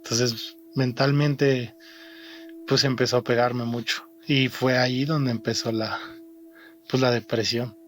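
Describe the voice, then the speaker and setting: A young man from Mexico, telling his own story in a halting way, often repeating and restarting words. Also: medium pitch, fairly even intonation. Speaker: interviewed athlete. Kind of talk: personal testimony. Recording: faint music behind the voice.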